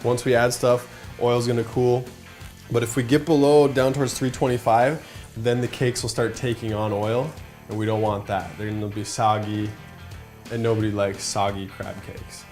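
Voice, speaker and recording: A man with a mid-pitched voice hosts a casual cooking show, upbeat and chatty as he talks viewers through each step. Faint music and the sizzle of frying sit quietly behind him. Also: little pitch movement, moderate pace. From Minnesota. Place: garage kitchen. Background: faint background music and frying.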